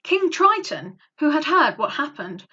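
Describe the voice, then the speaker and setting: This channel host narrates a children's story for a read-along, using a fairly high, highly animated voice and a dramatic style suited to young listeners. She speaks a little slowly, and the audio is lo-fi and a touch dull.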